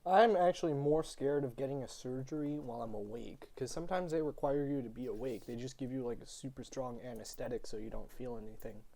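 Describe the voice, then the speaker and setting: A man's voice: medium pitch, a little fast, gravelly, few pauses, mellow. A young man hosting a casual podcast chat with friends, joking loosely and swearing often. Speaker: podcast host.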